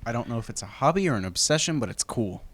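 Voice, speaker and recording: A man's voice: mid-range voice, expressive, fast, fairly bright tone, slight background noise. A man chipping in with short, casual conversational remarks. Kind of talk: casual chat, brief interjections.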